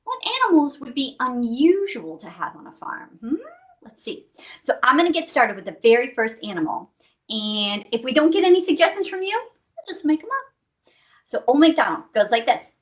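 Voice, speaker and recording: At a moderate pace and in a high voice, a woman hosts storytime for young children, reading a picture book aloud with animation. She is playful and expressive, throwing in sound effects and questions for her listeners.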